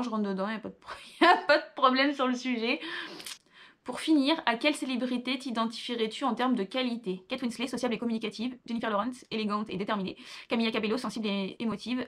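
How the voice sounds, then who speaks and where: A young woman, reading quiz questions aloud and answering with offhand asides in a casual vlog. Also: a little high. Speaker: vlogger.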